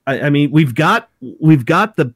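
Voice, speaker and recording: Pitched on the high side, his voice is lively in intonation, a bit bright and slightly rough, captured dry with studio quality. The thirties-aged Montana man co-hosts a laid-back talk show, and his speech halts with many restarts and self-corrections.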